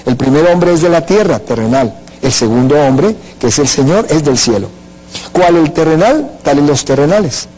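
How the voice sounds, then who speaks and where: A man's voice: on the high side, lively intonation, normal speed, a little mellow, rough recording. A man preaching a Pentecostal sermon, emphatic and calling on the congregation to repeat after him and answer his questions. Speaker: pastor.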